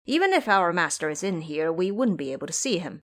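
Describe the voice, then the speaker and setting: A woman's voice: on the low side, big pitch swings, brisk. A woman voicing a sensible, loyal male monk in an audio drama, earnest and full of caution. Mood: warning. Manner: earnest, warning.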